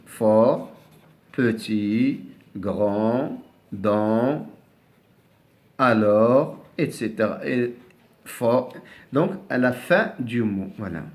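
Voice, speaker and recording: A man teaching a lesson, saying words slowly, repeating them and spelling out letters, with frequent hesitations and restarts. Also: medium pitch, a little mellow. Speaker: French teacher. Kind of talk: classroom lesson on silent letters.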